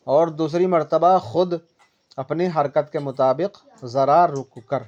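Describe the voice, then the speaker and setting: In a dull lo-fi recording, a woman with a low, darkish voice and fairly even intonation gives a one-on-one Quran reading lesson. She explains patiently and repetitively, quizzes her pupil, and stretches syllables out to demonstrate.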